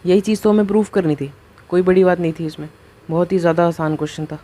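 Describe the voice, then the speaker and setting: A man giving a casual math lecture, talking through each step as he writes and keeps asking the viewer quick rhetorical questions. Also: sits high, warm tone. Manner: talks through each step while writing. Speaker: math teacher.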